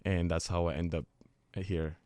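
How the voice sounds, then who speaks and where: A man's voice: sits low, level tone, moderate pace, dark tone, no echo. A young man from South Sudan, a former footballer, telling his life story as an interview guest in an earnest, loose way with fillers. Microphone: studio microphone.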